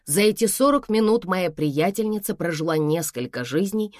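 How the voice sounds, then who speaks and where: A woman telling a first-person story in a chatty, expressive way, her pitch rising and falling a great deal. She is recorded dry and close, with no room sound. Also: moderate pace, no room sound.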